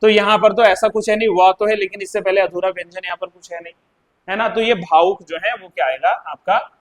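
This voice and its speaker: A man's voice: high voice, steady tone, fairly quick. A man with an Uttarakhand Hindi accent teaching a live exam-prep class, explaining by repeating words and asking his students questions.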